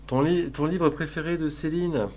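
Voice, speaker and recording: A man's voice: fairly high pitch, steady tone, moderate pace, darkish tone, a little hiss or hum. A man streaming live, chatting casually in a crude, sarcastic, rambling way while answering his chat.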